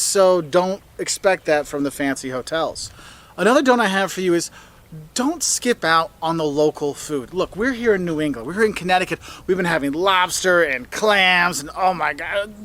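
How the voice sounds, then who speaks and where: A man giving upbeat travel tips, his voice jumping up for quoted phrases. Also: fairly bright tone. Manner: enthusiastic, jumps up in pitch for quoted phrases. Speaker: travel video host. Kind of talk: travel advice video.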